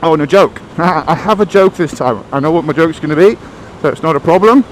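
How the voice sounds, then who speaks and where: A man's voice: on the high side, expressive, fairly quick, a little hiss or hum, low-quality recording. A man chatting casually while riding a motorbike, talking into a helmet mic in a waffly, self-deprecating way. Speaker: motorcycle vlogger. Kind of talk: casual rambling chat.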